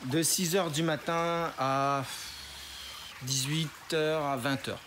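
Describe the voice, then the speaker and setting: A man's voice: fairly high pitch, steady tone, takes it slowly, fairly bright tone. A man who farms spirulina, patiently explaining his process step by step in an interview. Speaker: spirulina farmer. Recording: noisy ambient background.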